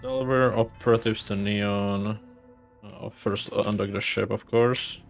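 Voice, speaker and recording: Male gamer, lowish voice, low-key casual commentary over faint music. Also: steady tone, a little slow, vocal fry. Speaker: gamer playing a space role-playing game.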